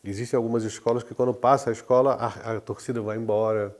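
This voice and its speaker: A man, a guest in an interview, explaining in a relaxed way with frequent tag questions. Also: mid-range voice, quick pace. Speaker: guest, carnival designer. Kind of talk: casual interview talk.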